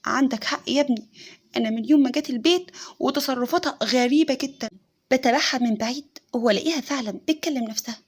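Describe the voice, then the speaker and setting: A woman voices a fretful older mother with an Egyptian accent in a spoken story. She scolds emphatically in a high, breathy voice at a brisk pace. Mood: scolding. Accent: Egyptian Arabic.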